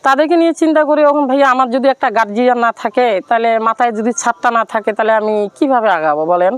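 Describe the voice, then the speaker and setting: A woman with a higher, smooth voice talks very fast in a Bangladeshi accent. Originally from Rangpur, Bangladesh, she plaintively shares her personal story and makes an earnest appeal to listeners.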